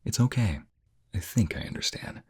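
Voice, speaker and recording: A man playing a tender, reassuring boyfriend in a soft, gentle, soothing ASMR whispered role-play, with a low, breathy, gravelly voice. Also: moderate pace, natural voice. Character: tender, reassuring boyfriend comforting his crying partner.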